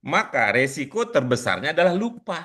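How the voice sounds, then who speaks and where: A man's voice: a little high, sing-song, a little fast, bright, forceful tone. A man teaching an online class in a casual, chatty way, teasing his students and laughing often. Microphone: video call.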